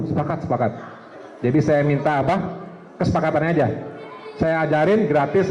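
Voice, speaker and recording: A man's voice: fairly high pitch, darkish tone, highs cut off. A male preacher in a mosque, telling a story to students with quoted dialogue and questions to the room. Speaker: ustadz preacher. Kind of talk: lively religious talk to students.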